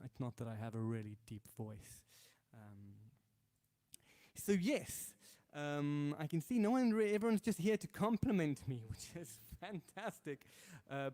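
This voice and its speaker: Streaming guitar live from his house, a man reads viewer comments aloud and thanks people in a loose, rambling way, often stalling with fillers and starting over. His fairly high voice is expressive and a bit mellow, and his pace is measured.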